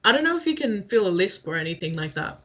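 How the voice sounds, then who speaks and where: A woman's voice: mid-range voice, big pitch swings, quick pace, lo-fi sound, a loud crowd. A young woman co-hosting a casual podcast over a call, explaining things step by step and laughing easily. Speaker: podcast co-host. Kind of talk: casual chat. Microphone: remote call.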